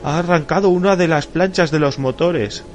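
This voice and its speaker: A male audiobook reader voicing a terrified airline passenger who pleads and shouts, his voice pushed high and loud. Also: lively intonation, normal speed, background noise, lightly acted. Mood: panicked.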